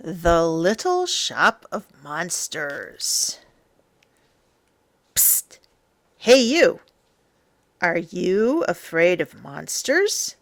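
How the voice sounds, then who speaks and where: A woman who works as a storyteller and teacher reads a children's picture book aloud in a theatrical, playful, emphatic style, stretching out her words. Her voice is lowish, with big swings in pitch.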